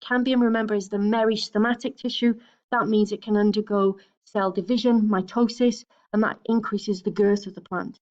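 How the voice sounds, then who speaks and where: A woman's voice: mid-range voice, steady tone, normal speed, darkish tone, muffled recording. A woman teacher giving a recorded lecture over slides, explaining steadily, with frequent fillers and restarts.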